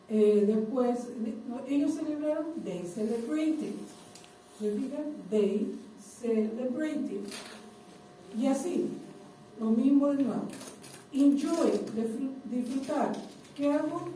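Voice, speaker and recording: Woman teacher going over verbs with a class, mellow voice, big echo, sounds a bit far from the mic. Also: fairly high pitch. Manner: explains step by step, repeats words and asks the class questions. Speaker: English teacher. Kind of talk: classroom lesson. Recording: echoey room, faint noise, voice from a distance.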